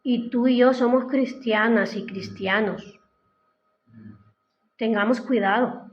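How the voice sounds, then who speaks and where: A woman's voice: on the high side, slow pace. A woman giving an informal church sermon, retelling the story conversationally and often adding "¿no?". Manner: conversational, retells the story in her own words with frequent "¿no?" tags. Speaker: lay preacher. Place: church hall. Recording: echoey, muffled church hall recording.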